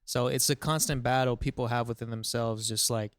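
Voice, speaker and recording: A laid-back man co-hosting a casual podcast, speaking in an easygoing, encouraging way. His voice is smooth and clear at a middle pitch, recorded close and dry. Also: steady tone, brisk, dry recording. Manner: laid-back and encouraging, with frequent "you know". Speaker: podcast co-host.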